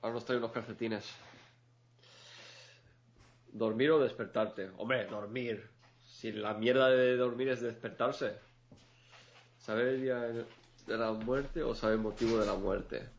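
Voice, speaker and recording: A man's voice: medium pitch, steady tone, measured pace, pauses often. A man co-hosting a live stream, chatting casually and teasing. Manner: joking, teasing. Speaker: co-host. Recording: dull lo-fi call audio with faint noise.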